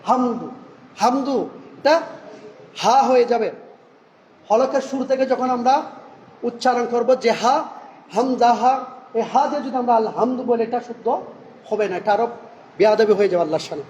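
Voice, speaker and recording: A man delivering a Friday sermon in a mosque, asking rhetorical questions and answering them himself, and reciting Arabic phrases slowly and carefully. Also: extremely high pitch, darkish tone, lo-fi sound. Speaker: preacher. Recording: echoey hall reverb, faint room noise.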